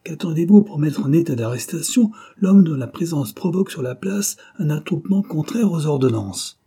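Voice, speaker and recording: A man's voice: medium pitch, lively intonation, a little slow, dark tone, slightly rough, pitched above the performer's own voice. A man doing a harsh military commandant barking orders. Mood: commanding. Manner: curt barked orders.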